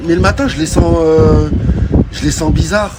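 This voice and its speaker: A man telling a casual personal anecdote in an animated way, repeating phrases for emphasis and acting out what people said. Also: on the high side, normal speed, very noisy. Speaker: storyteller.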